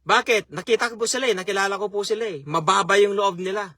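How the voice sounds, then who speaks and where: A man delivers a sermon as a chaplain in a high, bright voice. He preaches earnestly and repeats key phrases for emphasis, often calling his listeners brothers and sisters. The sound is close and dry, with no room echo. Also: quick pace.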